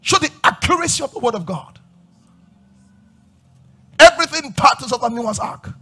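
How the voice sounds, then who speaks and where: A man preaches on a large church stage with a bright, husky voice that rides high. He quizzes the congregation and builds to shouted call-and-response. Soft music sits faintly under his voice. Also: expressive, moderate pace. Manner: moves about the stage while preaching. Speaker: pastor. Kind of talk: sermon.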